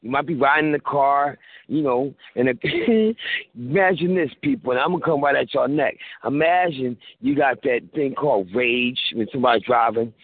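A man talking in an animated, preachy way, joking and acting out little scenes, heard over a tinny phone line. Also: mid-range voice, normal speed, husky, dry recording. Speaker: guest commentator. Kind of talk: animated casual talk.

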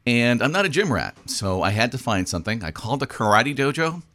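A man being interviewed on the radio as a ballroom dance instructor, with a smooth, practiced delivery and dry jokes. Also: medium pitch, sing-song, a little fast, sharp tone. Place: radio studio.

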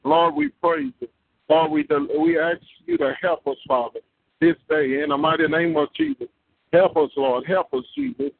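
A prayer leader with a highish, slightly rough voice and vocal fry prays at normal speed with big pitch swings, rhythmically repeating phrases and breaking into tongues. The sound comes over a tinny phone line with no echo.

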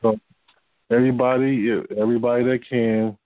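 A man who is short of breath, hosting an unscripted motivational group talk in a halting, earnest way. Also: medium pitch, flat delivery, dry recording, phone-quality sound. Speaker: host coaching on marketing and fundraising.

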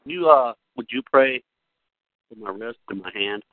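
A man calling in for prayer who answers in short, halting bits, with the phone held away from his mouth so that he sounds faint and breaks up. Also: mid-range voice, expressive, no echo. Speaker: caller asking for prayer. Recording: tinny, distant phone line.

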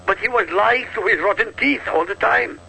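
A man's voice: high-pitched, moderate pace, vocal fry, pushed and bright, slightly rough, low-quality recording. A man from Iraq giving emphatic, insistent political commentary as a talk show guest, driving his points home with rhetorical questions.

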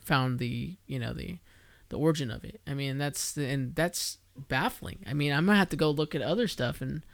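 A man's voice: medium pitch, brisk, gravelly, no echo. A man co-hosting a podcast in casual chat, rambling with sarcastic asides. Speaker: podcast co-host.

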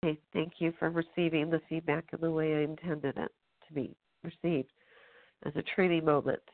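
A woman's voice: sits low, level tone, fairly quick, vocal fry, no room sound. Direct woman coach on a phone line. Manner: direct, encouraging feedback. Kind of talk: coaching call conversation.

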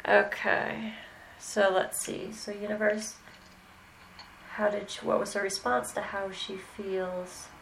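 A woman mentoring a student in animal communication, talking slowly and hesitantly with many pauses and "okay"s. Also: medium pitch, level tone, gravelly, a bit bright, a little hiss or hum, poor audio. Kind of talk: mentoring session.

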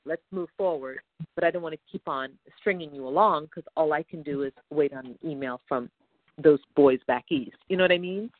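A woman's voice: deep voice, fairly quick. A woman on a phone call, talking anxiously in long, rambling stretches. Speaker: caller seeking advice. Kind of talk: phone conversation. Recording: tinny phone line, dry.

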